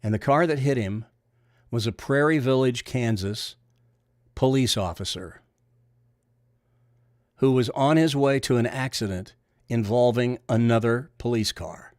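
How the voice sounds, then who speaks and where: An older man with a Missouri accent and a deep, nasal voice, a bowling coach chatting casually on a livestream, rambling and reading viewer comments aloud before answering them. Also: a little slow, long pauses, darkish tone, no room sound, clean studio sound.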